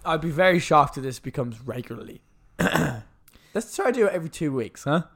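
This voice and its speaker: On the high side with big pitch swings, this man talks at a moderate pace in a gravelly, slightly bright voice, nose stuffed from a cold. Co-hosting a casual podcast, he bluntly and swearily grumbles about a film during a relaxed movie review.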